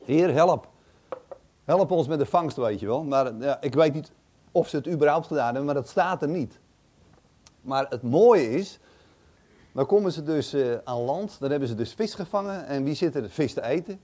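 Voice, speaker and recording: A man's voice: mid-range voice, lively intonation, normal speed, dark tone. A man reading a Bible passage aloud and commenting on it casually, thinking aloud with hesitant, chatty asides. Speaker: Bible teacher.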